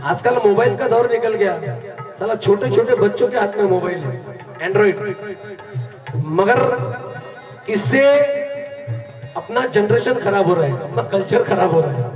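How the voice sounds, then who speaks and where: A man's voice: high voice, expressive, normal speed, pauses often. A man singing and calling out to the audience at a live stage program, rousing and commanding the crowd. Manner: rousing, commanding the crowd, half-sung lines. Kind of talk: live stage song and crowd call-outs. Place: large live event with crowd. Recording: distant, echoey, dull live recording with music.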